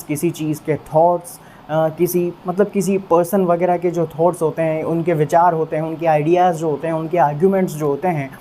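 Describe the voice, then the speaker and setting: A man teaching English vocabulary in an explanatory online lesson. He talks conversationally, calls his listeners friends and repeats words slowly for them to practise. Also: a little high, dark tone, slight background noise. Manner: conversational, with frequent fillers.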